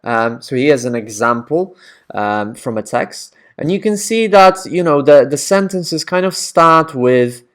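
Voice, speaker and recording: A man's voice: on the high side, lively intonation, a little slow, fairly bright tone, smooth. A man teaching academic writing in a casual, conversational way, often checking in with the listener. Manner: conversational, checks in with frequent "right?".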